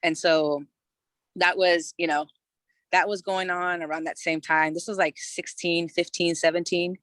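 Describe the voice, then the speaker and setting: A woman in her thirties from California speaks in a lowish, flat, unhurried voice with a slightly bright tone and no echo. She's a podcast guest sharing her own story candidly and loosely, full of "you know" fillers and casual swearing.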